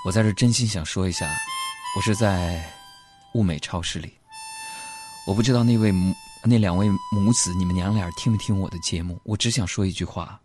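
A man's voice: sits low, fairly quick, darkish tone, soft background music. A man hosting a comedy show, telling funny everyday stories in a chatty, playful way. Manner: chatty, playful, acts out quoted voices. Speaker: radio comedy host. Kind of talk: comic storytelling monologue.

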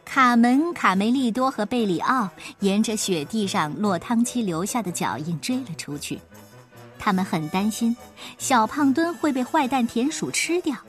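A woman narrating a children's storybook with expressive, lively delivery. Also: on the high side, moderate pace, faint music behind.

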